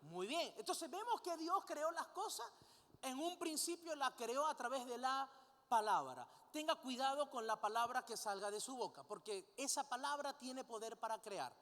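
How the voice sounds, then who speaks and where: Female preacher, higher voice, sermon with audience questions, long hall reverb. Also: lively intonation, normal speed, fairly bright tone. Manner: asks the congregation frequent rhetorical questions; leads the congregation in call-and-response.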